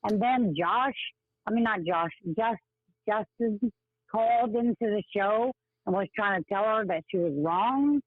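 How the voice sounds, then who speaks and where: A woman's voice: medium pitch, unhurried, dry recording. A middle-aged or older woman from West Virginia with an Appalachian twang and a slightly slurred-sounding drawl, chatting emphatically as a caller to a show. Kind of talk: casual phone chat. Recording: tinny, narrow phone-line sound.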